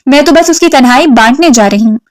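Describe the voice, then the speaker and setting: A woman voicing a proud, stubborn young woman who answers with sharp, defiant retorts. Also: sits high, dry recording, lightly acted. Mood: scornful.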